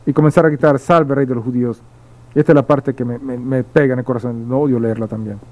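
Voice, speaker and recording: A man's voice: mid-range voice, fairly even intonation, rapid-fire, warm tone, muffled recording. A man pastor preaching a midweek sermon, reading Bible verses aloud and explaining them with repeated emphasis, with occasional slips and restarts.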